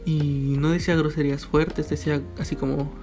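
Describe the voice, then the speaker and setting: A man's voice: on the high side, little pitch movement, moderate pace, over music. A young man with a Mexican Spanish accent, talking casually in a joking monologue with quoted voices. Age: young adult.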